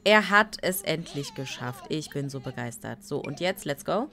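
A woman's voice: sits low, creaky, music in the background. A tired woman streaming a life-sim game, chatting casually and greeting viewers by name with playful asides. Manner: slow, relaxed talk with playful asides. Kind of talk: casual live-stream commentary.

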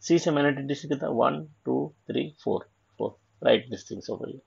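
Working through an assignment as an online tutor, a man with an Indian accent explains each step, mixing Hindi into his English. His mid-range voice is brisk, slightly rough and a little mellow, with vocal fry, and the recording sounds dull and lo-fi.

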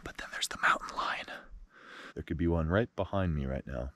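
Deep-voiced man vlogging outdoors at night. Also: moderate pace, no echo, recorded from a distance. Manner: excitable, talks to the camera. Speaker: fishing vlogger. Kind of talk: casual solo outdoor vlog. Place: dark forest lakeshore at night, outdoors.

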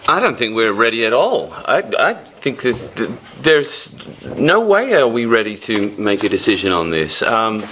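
A man's voice: on the low side, sharp tone, a little hiss or hum, low-quality recording. A man on the city council speaking emphatically but hesitantly at a meeting into a desk microphone. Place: council chamber at a dais.

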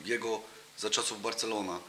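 Speaking at normal speed with fairly even intonation, this man has a fairly low, pushed, bright voice. He's a thirties-aged football coach giving a casual interview, heavy on fillers and restarts, captured by a table mic in front of him inside a noisy, reverberant cafe room furnished with a sofa against a brick wall.

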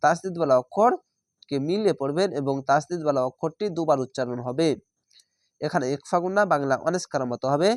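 A man with a Bangladeshi Bengali accent teaching Quran reading, spelling out letters and vowel marks one by one and then reciting slowly. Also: a little high, no echo, studio quality.

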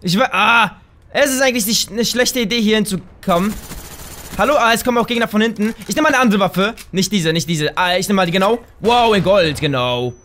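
A man doing let's play gameplay commentary, chatting straight to his viewers and breaking into loud, excited shouts. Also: high voice, fairly quick, slight background noise. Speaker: gaming channel host.

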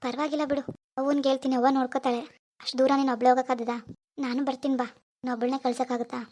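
A woman voicing a caring young man who comforts his grieving wife in an animated village drama. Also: sits high, rapid-fire, voice pushed down. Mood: insistent. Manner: soothing, protective.

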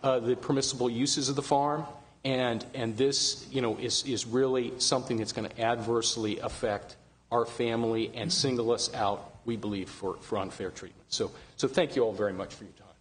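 A middle-aged man giving earnest public testimony at a county meeting, halting with fillers and restarts, speaking into a desk microphone. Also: mid-range voice, fairly even intonation, slight background noise.

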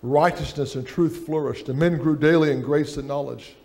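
A man's voice: on the high side, fairly even intonation, normal speed, gravelly, a little mellow. A middle-aged man preaching a sermon on a church stage, reading aloud from a book at a lectern.

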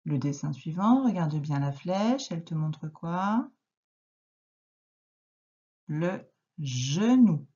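A woman with a French accent leads a phonics lesson for young children, pausing often and repeating each word slowly. Her voice is low and mellow, and she keeps her praise gentle and steady. The recording sounds slightly muffled. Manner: gentle, encouraging, pauses and repeats words slowly. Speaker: primary school teacher.

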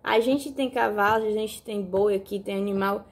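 A woman's voice: medium pitch, fairly even intonation, normal speed, husky. A woman, chatting casually to her viewers on a phone video, often checking in with them and repeating herself. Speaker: vlogger. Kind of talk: casual vlog talk to viewers. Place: countryside home.

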